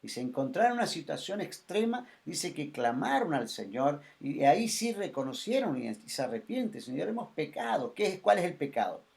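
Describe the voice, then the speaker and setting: A man preaching a sermon as pastor, emphatic and repetitive, swinging between loud and soft. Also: on the high side, big pitch swings, normal speed, vocal fry, hardly any pauses.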